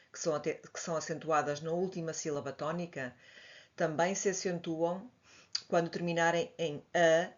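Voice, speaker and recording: A woman with a European Portuguese accent teaching a recorded grammar lesson, patiently spelling out examples syllable by syllable. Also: deep voice. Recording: dull lo-fi recording.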